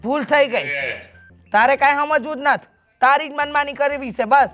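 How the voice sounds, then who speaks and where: A woman's voice: high-pitched, normal speed, fairly bright tone, soft background music. A woman playing a mother who sternly lectures her headstrong daughter. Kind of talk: family drama acting.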